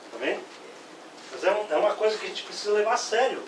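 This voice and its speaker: Male pastor, high voice, lively sermon delivery, echoey distant room sound. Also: fast talker, slight background noise. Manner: lively preaching, acts out Bible quotes.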